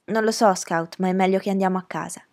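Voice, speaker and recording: A woman voicing an anxious, insistent young boy who speaks higher and louder than her narration. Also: steady tone, fast talker, lightly acted. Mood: urgent. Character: urgent boy, older brother, anxious and insistent.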